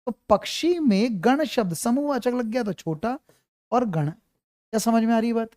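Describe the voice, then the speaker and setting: A man's voice: very high voice, lively intonation, measured pace, darkish tone, dry recording, clean studio sound. A man teaching a grammar class to students, repeating points, often checking that they follow and calling them "beta" to reassure them. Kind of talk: online class lecture.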